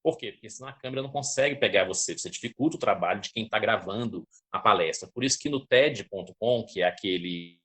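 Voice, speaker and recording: A man gives a lecture on public speaking in a fairly low, slightly husky voice. He explains step by step and keeps asking his listeners whether they follow. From Brazil. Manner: didactic, checks in with listeners, lively emphasis.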